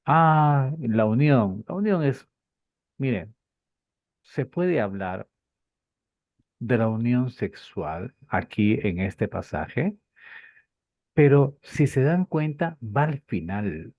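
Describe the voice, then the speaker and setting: A man teaching a Bible class, lively and rhetorical, with lots of repeated phrases and questions to his students. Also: medium pitch, slow pace, long pauses, dry recording. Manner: animated, rhetorical questions and repetition. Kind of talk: class lecture. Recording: dull lo-fi dry recording.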